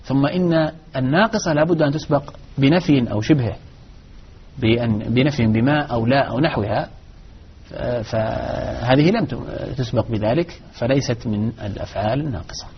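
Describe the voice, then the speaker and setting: A man teaching Arabic grammar in a live lesson, explaining in a measured way with frequent restarts. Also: medium pitch, slightly rough. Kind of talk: live lesson answering questions. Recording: dull lo-fi recording.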